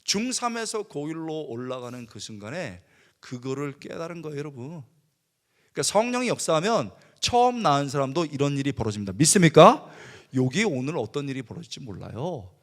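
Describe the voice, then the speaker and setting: Male pastor preaching in a church, animated storyteller, fairly high voice, lots of swing in pitch. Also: brisk. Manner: storytelling, acting out his past self with lively outbursts. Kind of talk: sermon. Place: church worship hall.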